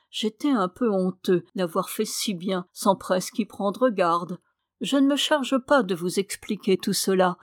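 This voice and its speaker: A woman narrating a novel in a measured, expressive audiobook reading. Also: mid-range voice, no echo, studio quality. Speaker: audiobook reader.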